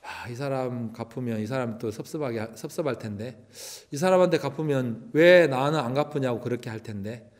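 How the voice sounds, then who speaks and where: A man voicing a tired, poor mother who speaks low and wearily. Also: sing-song, moderate pace, hardly any pauses. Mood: weary.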